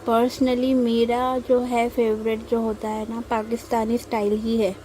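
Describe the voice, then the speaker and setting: A young woman from India talks through a tutorial in a calm, unhurried voice-over, pausing often as she explains each step. Her voice sits a little high but sounds mellow and warm rather than bright. A faint hiss runs underneath. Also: poor audio. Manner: slow, patient explaining with frequent pauses. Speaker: mehndi tutorial host. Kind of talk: instructional voice-over while drawing.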